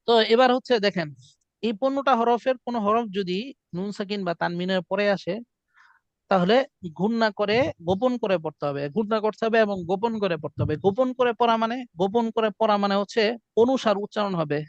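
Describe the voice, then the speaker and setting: High-voiced man teaching by rote. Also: fairly quick, no room sound. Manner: drills students with call-and-response chanting. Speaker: Quran recitation teacher. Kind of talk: classroom lesson. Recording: dry, muffled lo-fi sound.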